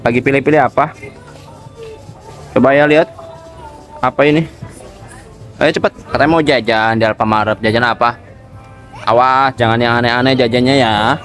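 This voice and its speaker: A man's voice: medium pitch, steady tone, normal speed, pauses often, a bit bright, soft background music. A young father, coaxing and playful, repeating questions to his small son while filming a casual family vlog on his phone. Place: shop and street outdoors.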